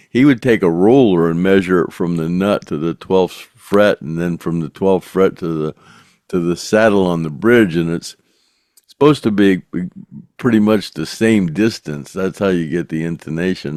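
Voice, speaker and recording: A man, hosting a podcast in casual chat, rambling through stories with halting restarts and chuckles. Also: low-pitched, darkish tone, no echo, studio quality. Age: 70s. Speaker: podcast host.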